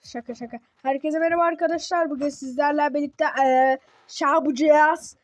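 A woman giving casual gameplay commentary as a channel host, excitable and talking back to the game when things go wrong. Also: sits high, normal speed, no echo. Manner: excitable, talks to the game, grumbles and yelps at mistakes.

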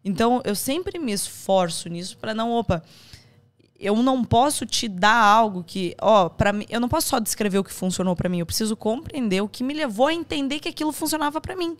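Animated Brazilian woman podcast guest. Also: a little high, brisk. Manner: animated, acts out quoted advice. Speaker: podcast guest, course instructor. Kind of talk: conversational interview.

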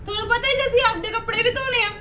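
A sharp-tongued young daughter-in-law, played by a woman, nagging fast in a very high, bright voice. She sounds a little away from the mic, with faint background noise. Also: fairly even intonation, roomy sound, far from the mic. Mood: scolding. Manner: scolding, nagging.

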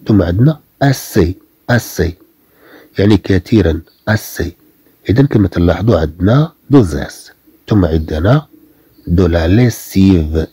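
A man with a Moroccan accent teaching a French lesson, patiently repeating each example word slowly. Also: low voice, mellow, breathy edge, dry recording. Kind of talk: language lesson explanation.

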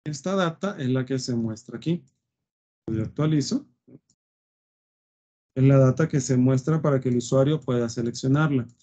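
A man's voice: mid-range voice, normal speed, long pauses, dark tone. A man teaching a live web design coding lesson, thinking aloud with fillers and often checking "¿sí?" with his students. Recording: dull lo-fi screen recording.

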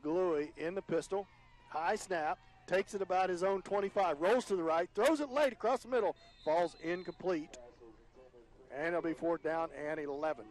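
A man calling high school football play-by-play on the radio, his voice climbing higher and louder on big plays. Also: steady tone, moderate pace. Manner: rises in pitch and volume on big plays. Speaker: play-by-play announcer.

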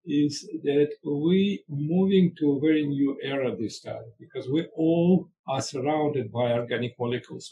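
A man with a gravelly, creaky voice at an ordinary pitch talks as a guest on a science panel. He is earnest and halting, often restarting and repeating words. Faint noise sits behind him. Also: dark tone, dull audio. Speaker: neuroscience professor, panel guest. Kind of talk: panel discussion.

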